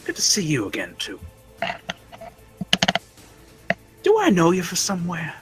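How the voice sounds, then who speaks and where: A man's voice: fairly high pitch, very animated, brisk, music in the background. A man voicing a polite, faintly probing male acquaintance at a fantasy party, courteous and hesitant.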